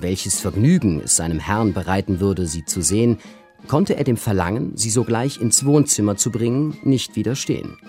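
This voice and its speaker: A man reading a comic novel aloud in a lively, expressive way, close to a studio mic. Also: lowish voice. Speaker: reader. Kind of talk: literary reading.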